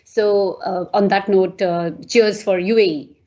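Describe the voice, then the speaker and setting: A woman's voice: mid-range voice, fairly even intonation, a little slow. Effusive woman hosting an interview. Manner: warm, effusive, frequent fillers. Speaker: host. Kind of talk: video-call interview. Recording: lo-fi video call audio.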